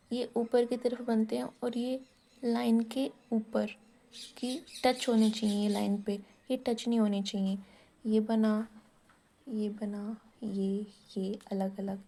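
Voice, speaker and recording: A woman's voice: a little high, mellow. A woman teaching shorthand in a casual step-by-step lesson, asking and answering her own questions as she writes.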